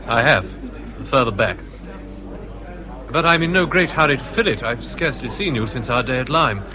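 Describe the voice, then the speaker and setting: An actor playing a courteous, ardent English naval captain in a period radio drama, with a formal, measured manner and an English accent. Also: male voice, medium pitch, lively intonation, natural voice. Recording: busy crowd murmur behind.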